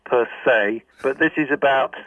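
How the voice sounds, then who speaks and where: An actor playing an evasive, prejudiced male caller to a radio phone-in, speaking flatly over a phone line. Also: medium pitch, moderate pace, dry recording, lightly acted. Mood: matter-of-fact. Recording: dry tinny phone line.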